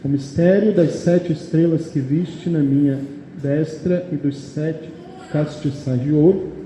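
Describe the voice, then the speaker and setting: Man, brazilian portuguese accent, sermon, mellow dark tone, roomy hall echo, faint background noise. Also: on the high side, a little slow. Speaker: church brother preaching. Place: church meeting hall.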